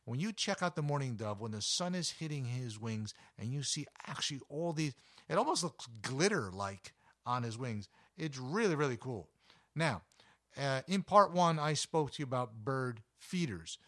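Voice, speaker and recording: A man with a deep voice, hosting a nature show and chatting enthusiastically with frequent fillers. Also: animated, normal speed, fairly bright tone. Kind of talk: casual talk about backyard birds.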